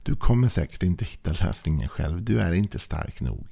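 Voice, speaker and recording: A man's voice: low voice, very animated, creaky, dark tone, breathy edge. A man preaching a sermon as pastor, urging his listeners on in an earnest, repetitive way.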